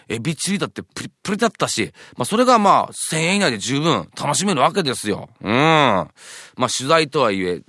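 Animated male radio host, dry studio sound. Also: medium pitch, no room sound. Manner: chatty, jokey. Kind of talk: casual radio presenting with food and local reports.

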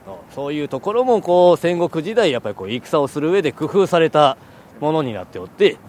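A man's voice: fairly high pitch, sing-song, a little fast, darkish tone, a little hiss or hum. A man playing a proud, jovial samurai warlord who guides visitors in old-fashioned samurai speech, boastful and playful. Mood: explaining. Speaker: costumed guide. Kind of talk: in-character guided tour.

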